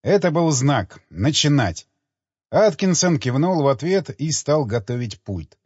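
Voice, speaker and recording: A man narrating an audiobook in a lively, dramatic storytelling manner, in a slightly muffled dry recording. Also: fairly high pitch, a little slow, breathy edge, no echo.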